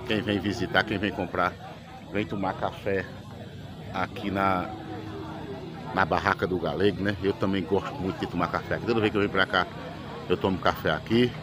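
A man with a Pernambuco Portuguese accent vlogs a casual guided tour of an outdoor cattle and feed market, chatting with viewers and thanking people often. His voice sits low, his pace is moderate, and he pauses often. He holds the camera himself, with a lively crowd around him outdoors.

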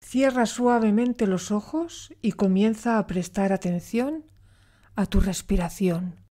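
A woman guides a meditation soothingly and deliberately, leaving long silences between short phrases. Her voice is warm and mid-range.

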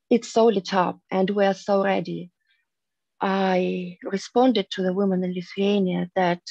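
Woman in her 30s, spiritual teacher, soft and earnest, unhurried pauses, headset mic, dry dull sound. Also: mid-range voice, no echo. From Russia. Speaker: meditation group leader. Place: room at home, indoors. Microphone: headset on a video call. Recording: muffled video call audio.

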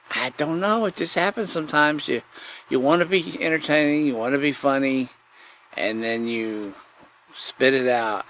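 A man hosts a podcast with a rambling comic monologue, often repeating his phrases. His voice sits in the mid range with a fairly bright tone, and there is noticeable background noise in the recording.

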